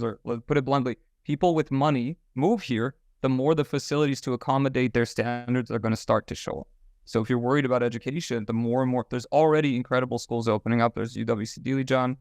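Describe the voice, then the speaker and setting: A man on a webinar panel talks fast in a blunt, casual way. His pitch is middling and the sound is dry and close. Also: steady tone, a little mellow, dry recording. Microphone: video call.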